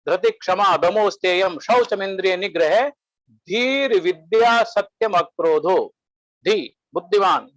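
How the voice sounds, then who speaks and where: A man giving a webinar lecture, listing points one by one in a measured way and quoting Sanskrit verses. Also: high voice, dry recording, low-quality recording.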